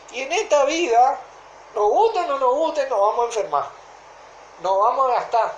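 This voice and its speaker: A woman with a Rioplatense Argentine accent preaching a sermon in a deliberate way, often stopping to ask whether listeners follow. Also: on the high side, highs cut off, a little hiss or hum. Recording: echoey room.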